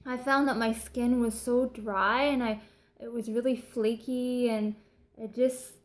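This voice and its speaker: A woman's voice: a little high, a little mellow. A woman with a Canadian accent giving casual, chatty advice in a vlog, speaking informally. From British Columbia, Canada. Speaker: vlogger sharing recovery tips.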